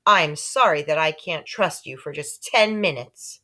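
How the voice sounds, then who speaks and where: A woman voicing a doting, anxious mother who is quick to scold, fussing and emphatic, in a storybook read aloud. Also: sits low, bright, forceful tone, exaggerated voice. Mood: angry scolding.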